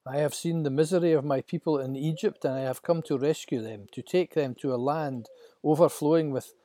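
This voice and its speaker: Solemn, commanding God, dark and husky, a male narrator reading him. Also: on the high side, brisk, natural voice.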